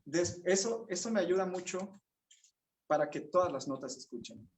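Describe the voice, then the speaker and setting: A man teaching a bassoon masterclass, patiently explaining and singing rhythms and note names to show the phrasing. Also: lively intonation, moderate pace. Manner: patient, encouraging. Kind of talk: masterclass instruction.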